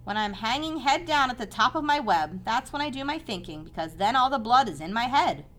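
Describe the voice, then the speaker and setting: A woman voicing a calm, wise female spider in a storybook, speaking in a brisk, precise, gently instructive and protective way. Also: fairly high pitch, pitched above the performer's own voice. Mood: cool, collected.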